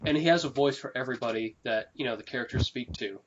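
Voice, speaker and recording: Laughing, swearing young podcast co-host. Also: male voice, mid-range voice, fast. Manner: laughs often, swears casually, rambling fillers. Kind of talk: casual chat. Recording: slightly dull lo-fi recording with faint noise.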